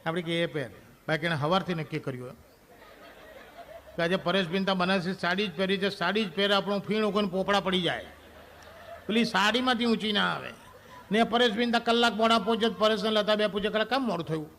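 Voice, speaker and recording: A man's voice: high voice, fast talker, a bit bright, a little hiss or hum. A man performing a stand-up comedy monologue on stage, chatting straight to the audience and acting out scenes from married life. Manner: chatty, addresses the audience directly.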